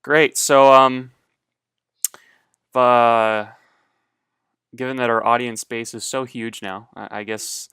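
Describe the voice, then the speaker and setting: A young man chats loosely on a podcast, hesitating and circling back, dropping profanity as he goes. His voice is smooth and clear, sitting at a middle pitch. The mic is close and the room is dry. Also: steady tone, takes it slowly, pauses often, a bit bright, no echo. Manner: rambling, profane, hesitant with many fillers. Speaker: podcast co-host. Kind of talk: casual podcast chat.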